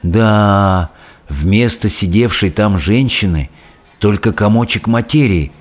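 Low-voiced man reading a storybook. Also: slow pace, faint music behind. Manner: expressive, dramatic storytelling. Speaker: audiobook reader. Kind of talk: scripted storybook narration.

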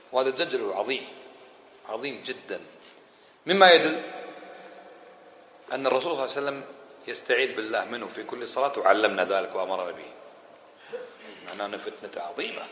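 A man teaching a religious lesson in a lively, colloquial way, firing rhetorical questions at his listeners. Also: medium pitch. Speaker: Islamic scholar teaching a book. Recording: echoey room, faint background hiss.

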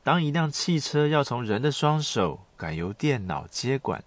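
A middle-aged man hosting a podcast, narrating a script in a soft, intimate pillow-talk manner, like bedtime storytelling. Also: mid-range voice, sing-song, normal speed, dry recording. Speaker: podcast host.

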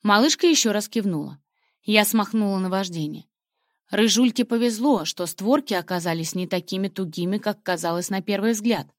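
A woman reads a first-person fantasy audiobook in an expressive storytelling manner, leaning into dramatic moments. Her voice sits in a middle pitch, and the recording is close and dry with no room sound around it. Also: no echo. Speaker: audiobook narrator.

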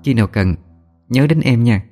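Man playing a soft, coaxing young woman, pitched up, story narration. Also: moderate pace, faint music behind, close to an everyday voice.

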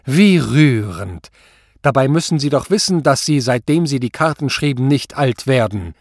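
A man voicing a cruel Nazi judge who mocks and shouts at the accused in a story reading. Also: mid-range voice, lively intonation, normal speed, no room sound, studio quality, pitched above the performer's own voice. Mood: mocking. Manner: mocking, shouting, furious. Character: cruel, sneering, bellowing male Nazi judge.

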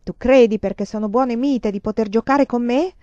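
A woman's voice: a little high, normal speed, warm tone, no echo, close to an everyday voice. A woman reading a storybook who voices a desperate, possessive male suitor, speaking with impassioned pleading and command. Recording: dry, slightly dull lo-fi recording.

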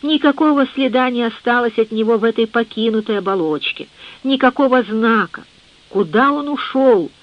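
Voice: medium pitch, normal speed, lightly acted. A narrator voicing a grieving young man with anguished questions, in an audiobook reading on a dull lo-fi recording.

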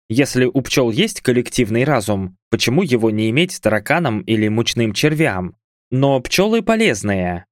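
A man's voice: mid-range voice, dry recording, studio quality. A man reading a first-person fantasy audiobook with wry, conversational asides. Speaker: audiobook narrator.

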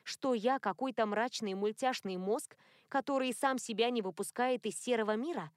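A woman reading a first-person novel as an audiobook narrator, in a measured, intimate storytelling manner. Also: on the high side, dry recording, clean studio sound.

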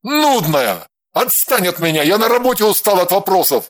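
A man voicing a jealous, furious husband who snaps and shouts at his wife. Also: a little high, animated, slow pace, no echo, clean studio sound. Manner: shouting, snapping, harsh. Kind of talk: audiobook character voice.

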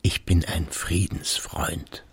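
This is a heavily acted radio-drama turn: a brooding man in his sixties, retired and drinking secretly, mutters a halting, evasive monologue in a gravelly voice that keeps sinking to near whispers. The voice sits low and the delivery is flat, with a furtive, muttering mood.

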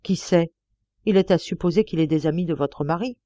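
A woman's voice: on the low side, a little fast, mellow, dry recording, close to an everyday voice. A woman voicing a young male policeman in an audiobook, coaxing and insistent in his questions. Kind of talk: audiobook character reading.

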